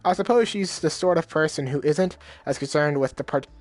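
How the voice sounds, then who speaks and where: In this let's play, a man reads a visual novel's dialogue aloud himself and rambles between lines in casual slang packed with fillers. He speaks a little high and fairly quickly.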